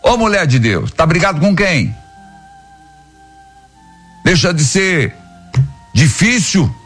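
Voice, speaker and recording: Husky priest preaching on radio. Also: male voice, fairly high pitch, sing-song, slow, a bit bright, faint music behind. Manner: fervent, scolding exhortations.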